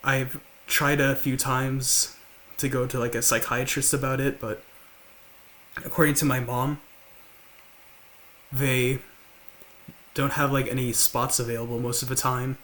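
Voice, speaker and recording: A young man in his late teens with a slight lisp, talking quietly and haltingly to the camera at home. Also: medium pitch, little pitch movement. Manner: halting, with many fillers and restarts. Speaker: vlogger. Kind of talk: confessional talk to camera. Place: large house, indoors.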